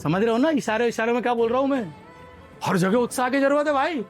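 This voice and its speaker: A male sales trainer giving an energetic motivational seminar in a hall and drilling the audience to repeat his lines. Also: very high-pitched, fast, soft background music.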